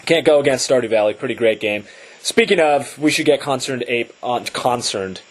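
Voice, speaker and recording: A man co-hosting a casual podcast, joking and pitching ideas in an upbeat way. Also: moderate pace. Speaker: podcast co-host.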